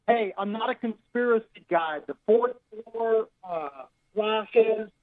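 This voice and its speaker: A male radio caller on speakerphone with the phone held away from his mouth, talking in a halting, stumbling way full of uhs. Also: sits high. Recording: tinny, distant phone line.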